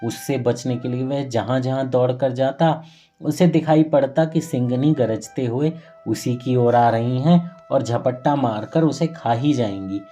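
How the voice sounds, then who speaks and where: A man tells a saint's story in an earnest, reverent devotional voice, sometimes catching and correcting a word mid-phrase. His tone is deeply mellow and dark, with pitch in an ordinary middle range. Quiet music plays faintly underneath. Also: unhurried. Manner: earnest, reverent retelling with occasional self-corrections.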